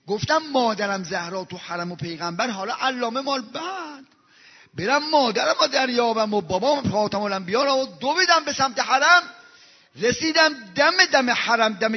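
High-voiced male preacher in an echoing hall. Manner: emotional, swings from hushed to loud, chants lines. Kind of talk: religious storytelling sermon with chanting. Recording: dull recording in a reverberant hall.

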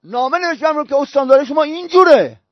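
Man preaching a sermon, voice pitched really high, keeps repeating himself for emphasis, dry dull-sounding recording. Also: no echo. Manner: storytelling with emphatic repetition.

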